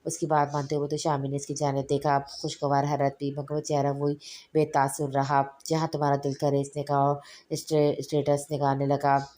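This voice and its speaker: A woman reading a romance novel aloud, halting, with frequent slips and restarts. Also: low voice, monotone, dark tone. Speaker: narrator.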